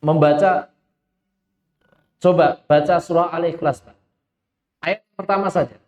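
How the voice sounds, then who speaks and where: High-voiced man teaching Quran recitation. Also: steady tone, darkish tone. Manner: explains rules, then chants verses slowly and drawn out; laughs while telling an anecdote. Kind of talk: tajweed lesson with recitation. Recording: echoey hall, dull lo-fi sound.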